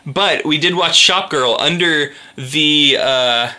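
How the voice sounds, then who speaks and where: Male podcast co-host; tense, bright tone, slightly high, jokey and quick to laugh. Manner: bantering, laughs often. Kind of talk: casual movie review chat.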